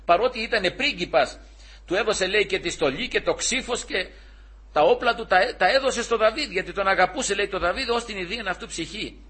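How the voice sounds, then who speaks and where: Husky high-voiced man preaching. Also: fairly bright tone. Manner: conversational, many restarts and self-corrections. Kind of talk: sermon retelling a Bible story.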